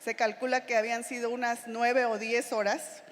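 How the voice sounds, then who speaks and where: A woman missionary with a Mexican accent preaches in a relaxed, conversational way, tossing frequent little questions to her congregation. Her voice sits somewhat high. The sound carries the long, lingering reverb of a church hall. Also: normal speed. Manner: chatty, with frequent tag questions to the listeners. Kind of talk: conversational sermon.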